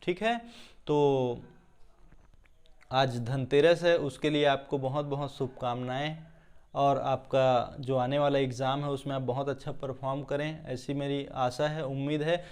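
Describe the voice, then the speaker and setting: A man's voice: mid-range voice, steady tone, unhurried, a little mellow, clear, resonant tone. A man teaching an exam-prep grammar lesson. He quizzes, asking each question and then answering it himself, and repeats each word with "ठीक है". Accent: Hindi of Chhattisgarh.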